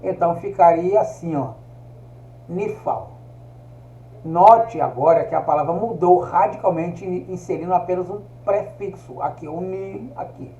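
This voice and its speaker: A man's voice: sits high, moderate pace, few pauses, mellow. A man giving a recorded video lesson, explaining step by step and often checking in with his listeners. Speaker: teacher. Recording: echoey room, dull lo-fi sound.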